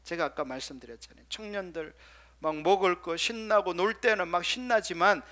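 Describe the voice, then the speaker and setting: A male pastor preaching a sermon, firing rhetorical questions at the congregation and dropping into soft, quiet asides. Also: high voice, a little fast.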